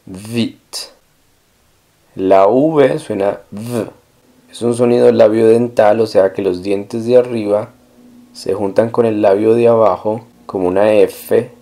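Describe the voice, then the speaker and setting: A man teaching a language lesson, explaining pronunciation step by step and repeating each example slowly. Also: fairly low pitch, fairly even intonation, dark tone. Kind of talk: slow, careful language lesson.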